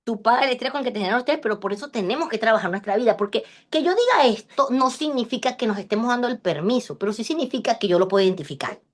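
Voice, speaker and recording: A woman giving a lively, chatty online class over a video call and joking with her students. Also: fairly high pitch, very fast, hardly any pauses. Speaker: class instructor. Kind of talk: online lecture.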